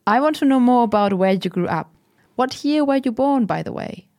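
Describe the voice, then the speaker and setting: A woman playing a friendly, curious oral-history interviewer in an audio drama, asking questions in an encouraging, expressive way. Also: on the high side, normal speed. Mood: interested, engaged. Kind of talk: conversational interview acting.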